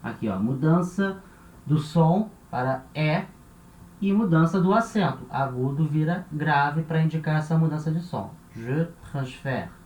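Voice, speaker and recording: A man's voice: fairly high pitch, unhurried, a little mellow, muffled recording. A man with a Brazilian Portuguese accent, teaching a lesson and patiently repeating and spelling out each example. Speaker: language teacher. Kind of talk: explaining French grammar in Portuguese. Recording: echoey room with faint noise.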